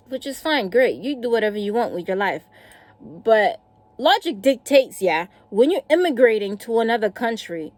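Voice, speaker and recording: Animated storytelling woman, higher voice. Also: dry recording. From South Africa. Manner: animated, acts out dialogue, casual swearing. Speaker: vlogger. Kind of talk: casual storytelling to camera.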